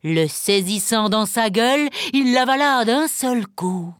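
A woman narrating a children's story in a slow, gentle, clearly paced manner. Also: fairly high pitch, animated, faint music behind.

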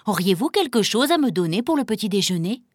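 A woman voicing a cheeky, quick-witted peasant boy with bold replies. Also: medium pitch, very animated, dry recording, clean studio sound.

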